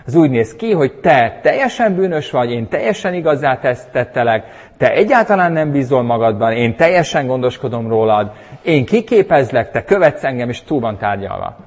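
A man preaching a sermon and leading a prayer, emphatic and animated, with sudden loud bursts. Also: medium pitch. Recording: husky voice in a long-reverb hall.

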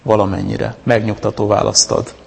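A man's voice: fairly low pitch, flat delivery, vocal fry, husky, in a large hall. A man giving an informal, conversational sermon, stopping and restarting his sentences often. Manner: conversational, with many restarts and fillers. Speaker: preacher.

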